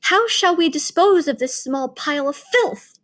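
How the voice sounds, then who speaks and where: A gang of cruel witches shrieks and gloats in wild excitement, as a woman reads them out. The voice leaps very high and loud, full of glee at the thought of harm. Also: unhurried. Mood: gleeful. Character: crowd of gleeful, cruel witches.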